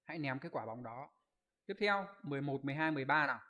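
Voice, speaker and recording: A man's voice: mid-range voice, animated, bright, forceful tone, lo-fi sound. Man teaching a Japanese exam review. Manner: explains step by step, asks rhetorical check questions; reads out viewers' comment answers in a quick list. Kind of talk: live online exam-review lesson.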